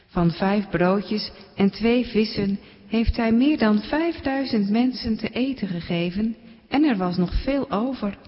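A woman telling a children's Bible story slowly and gently, adding spoken sound effects. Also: mid-range voice. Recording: dull recording with long reverb.

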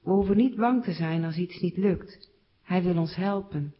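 A woman telling a Bible story to children in simple, clear words. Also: lowish voice, normal speed. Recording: slightly dull recording.

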